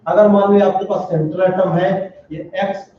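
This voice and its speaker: A man teaching a chemistry lecture in a classroom, animated, calling out questions to his students. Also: sits high, normal speed, a little hiss or hum. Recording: very echoey room, distant dull mic.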